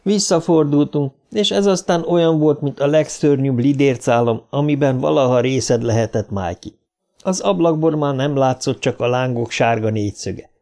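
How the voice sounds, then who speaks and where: A man narrating an audiobook in a measured, first-person storytelling manner. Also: mid-range voice, a little mellow.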